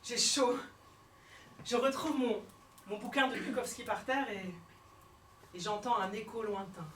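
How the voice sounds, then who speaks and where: Woman comedian, one-woman stage show, theatrical storytelling, higher voice, roomy hall heard from far off. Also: measured pace, a little hiss or hum. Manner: theatrical storytelling, swinging between hushed and shouted. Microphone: fixed camera from the hall.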